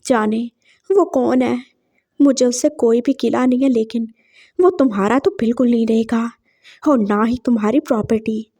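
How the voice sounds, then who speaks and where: A woman's voice: on the high side, moderate pace, warm tone. A woman reading out a vengeful young man. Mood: bitter vengeful. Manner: bitter, threatening inner monologue. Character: young man, vengeful, sweet to his face.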